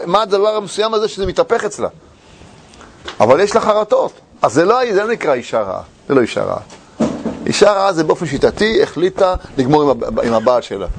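A man delivering a religious lecture, his voice sitting fairly high and swinging widely in pitch. He talks with a storyteller's animation and slips into the voices of a quarrelling husband and wife. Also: slight background noise. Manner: animated, acts out arguing couples. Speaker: rabbi giving a lecture. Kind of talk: religious lecture with acted quotes.

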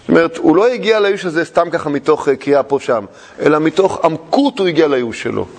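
High-voiced man preaching in a hall. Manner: animated storytelling with rhetorical questions and humor. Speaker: religious teacher. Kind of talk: lively sermon. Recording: long hall reverb.

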